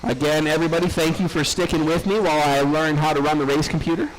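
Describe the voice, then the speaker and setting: A man running the race-day announcements at an RC track, calling drivers and lineups in a brisk, chatty way. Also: on the high side, level tone, low-quality recording. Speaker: race director. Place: indoor RC raceway.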